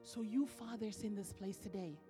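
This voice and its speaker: A woman's voice: mid-range voice, normal speed, music in the background. A woman minister preaching a sermon in a church, building emphasis and breaking into laughter now and then. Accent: non-American English.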